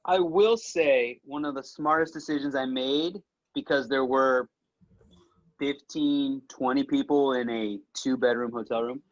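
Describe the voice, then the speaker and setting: A man's voice: mid-range voice, fairly even intonation, unhurried. Brief: young adult man, rambling self-deprecating storyteller, mid-range voice, a bit muffled recording. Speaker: guest, old friend. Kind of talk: casual chat between old friends.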